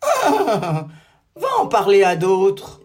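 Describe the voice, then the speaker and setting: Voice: mid-range voice, wildly swooping pitch, drawn-out words, full character voice. A narrator voicing a proud, noble horse who mocks with scornful laughter in a storybook tale.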